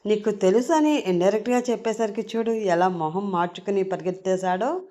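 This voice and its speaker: A woman's voice: medium pitch, fairly quick, warm tone, natural voice. A woman doing a teasing, laughing older brother. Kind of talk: audio story reading.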